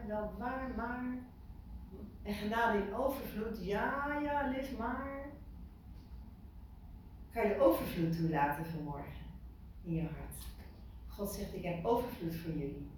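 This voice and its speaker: A woman giving an informal sermon to a small group, lively and full of questions to her listeners, repeating words for emphasis. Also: mid-range voice. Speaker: preacher. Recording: echoey room from far off, faint noise.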